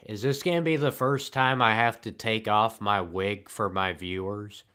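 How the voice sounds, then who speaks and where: A man with a smooth, lowish voice streams live and fields chat comments in a deadpan, sarcastic, flat way, letting long pauses fall between his remarks.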